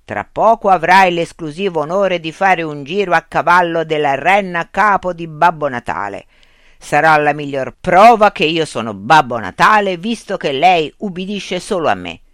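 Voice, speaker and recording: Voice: mid-range voice, expressive, normal speed, a bit bright, no echo, clean studio sound, natural voice. A reader voicing a coaxing Santa Claus. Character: boastful mysterious Santa Claus, old man. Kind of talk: audiobook character reading.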